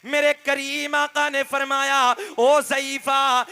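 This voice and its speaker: A male preacher telling a story in a drawn-out, sing-song sermon style that rises to shouts, with quick low asides to the crowd. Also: level tone, creaky.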